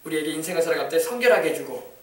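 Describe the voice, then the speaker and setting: In a church sanctuary, a male pastor preaches emphatically, often repeating words and calling out hallelujah. His voice is fairly high, animated, very fast and fairly bright, recorded from far off in an echoey church hall.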